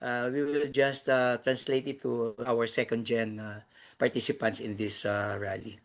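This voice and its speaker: A man's voice: medium pitch, flat delivery, moderate pace. A man with a Filipino accent moderating an online forum informally, searching for his words as he goes. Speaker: meeting moderator. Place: online group call.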